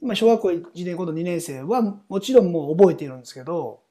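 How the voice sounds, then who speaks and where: A man's voice: high voice, expressive, fairly quick, dark tone. A middle-aged man hosting a podcast, speaking in a chatty, informal way as interviewer and narrator. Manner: chatty, informal, seeks agreement often. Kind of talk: casual interview chat and programme narration.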